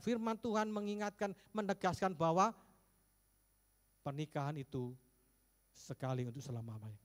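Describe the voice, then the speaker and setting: A man preaching a sermon as pastor, jumping between emphatic bursts and hushed low asides, with jokes along the way. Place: church sanctuary. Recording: echoey church hall.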